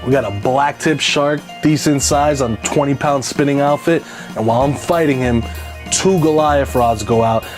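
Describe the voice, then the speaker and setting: Loud music runs behind a man with a medium-pitched voice. He narrates a fishing adventure recap, telling it as a story after the fact. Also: normal speed.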